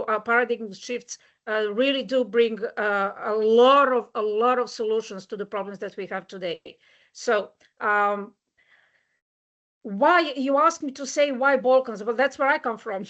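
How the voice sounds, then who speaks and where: A woman's voice: fairly high pitch, a little slow, a bit bright, lo-fi sound. A woman from Serbia giving a webinar talk, earnest and personal, with many hesitations. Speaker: webinar speaker, rights of nature advocate. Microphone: video call.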